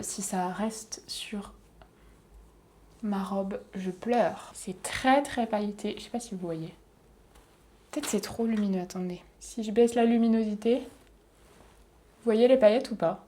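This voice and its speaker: A young woman, chatting excitedly as she unboxes and swatches makeup for her vlog. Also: medium pitch, unhurried, slight background noise. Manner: excited, chatty, giggly asides. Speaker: beauty vlogger.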